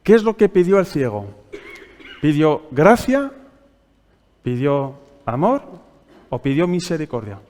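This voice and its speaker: A man's voice: fairly high pitch, big pitch swings, measured pace, long pauses, darkish tone. A man with a Spanish accent preaching a sermon, reading scripture aloud and quizzing the congregation with questions. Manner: teaching by asking the congregation questions; reads scripture aloud, raising his voice for quoted pleas. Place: church hall. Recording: long church-hall reverb.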